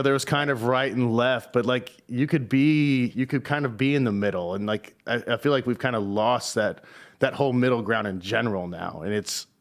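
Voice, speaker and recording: Laid-back halting male host. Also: mid-range voice. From Southern Indiana. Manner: halting, relaxed, many fillers and restarts. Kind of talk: casual interview chat.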